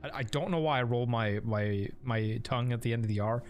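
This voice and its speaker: A man's voice: medium pitch, brisk, faint music behind. A man hosting a casual live game stream, rambling and laughing with lots of fillers and restarts. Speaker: streamer and host.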